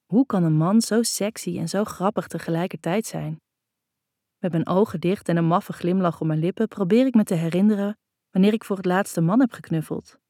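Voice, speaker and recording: A woman reading a first-person audiobook in a soft, even, intimate manner. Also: lowish voice, brisk, no room sound, clean studio sound. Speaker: audiobook narrator. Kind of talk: first-person scripted narration.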